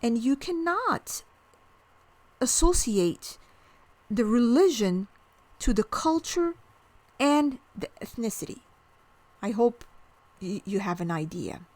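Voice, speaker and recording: A woman's voice: on the high side, very animated, slow, long pauses, a little mellow. A middle-aged woman from Morocco, explaining culture and ethnicity in an educational talk, asking the viewer questions and giving examples.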